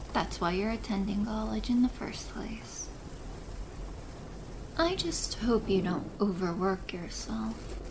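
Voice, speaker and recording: A woman playing a possessive, doting and controlling stepmother in an ASMR role-play drama, chiding in a deliberate, motherly way. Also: mid-range voice. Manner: slow, deliberate, softly chiding, maternal. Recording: noisy rain ambience behind voice. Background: rain.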